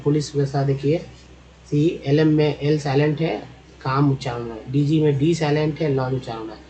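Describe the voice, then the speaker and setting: A man's voice: fairly high pitch, warm tone, slight background noise, rough recording. A man teaches English spelling and pronunciation from slides, drilling each sound several times and calling his viewers friends.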